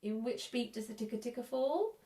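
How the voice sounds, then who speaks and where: A woman teaching a music lesson for young children, counting in and praising warmly. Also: on the high side, animated, brisk. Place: room at home. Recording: echoey room, a bit distant.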